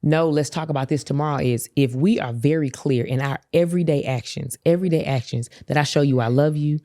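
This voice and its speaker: A woman co-hosting a casual couples podcast, talking in an animated, laughing way and often slipping into playful quoted voices. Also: low-pitched, a little fast, no echo, clean studio sound. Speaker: podcast co-host.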